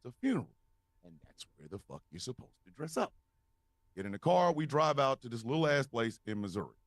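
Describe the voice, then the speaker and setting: Male podcast co-host, casual storytelling, very lively pitch, dry close sound. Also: fairly quick, no echo. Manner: animated, profane, laughing storyteller.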